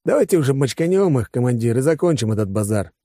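A man's voice: mid-range voice, very animated, quick pace, mellow, no echo, clean studio sound, voice pushed up. A man voicing a brash, mocking male ninja deputy in an audiobook. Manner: brash, swaggering, crude.

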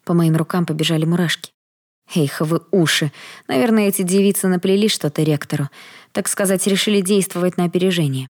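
A woman reading a first-person fantasy novel aloud in a steady, measured way. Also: on the low side. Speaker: audiobook narrator.

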